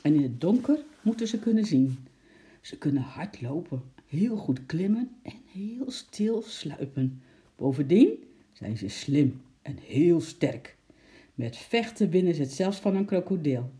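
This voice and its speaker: Hearty zookeeper uncle, loud and explaining, very dark mellow tone, read by a storybook narrator. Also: medium pitch, animated, moderate pace, close to an everyday voice. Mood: proud. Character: friendly, proud adult uncle, zookeeper.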